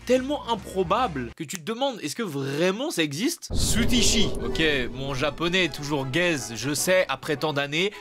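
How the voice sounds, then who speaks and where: A man's voice: sits high, a bit bright. A young man presenting anime trivia to his viewers in a casual joking video, slangy and playfully indignant.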